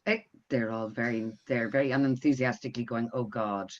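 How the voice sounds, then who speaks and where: A middle-aged woman, a music tutor talking casually on a video call with lively joking asides. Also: very deep voice, brisk. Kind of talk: casual online webinar talk. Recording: dull lo-fi audio.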